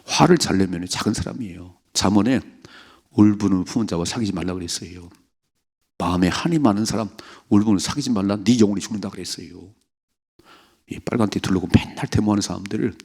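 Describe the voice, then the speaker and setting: A man's voice: low voice, a little mellow, husky. A man pastor giving an early-morning sermon in a church, preaching emphatically and asking the congregation many rhetorical questions. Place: church sanctuary.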